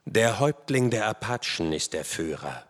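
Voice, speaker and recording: A man voicing a dignified Apache chief who speaks in a quiet, solemn, measured way. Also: fairly low pitch, very animated. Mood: calm commanding. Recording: long hall reverb.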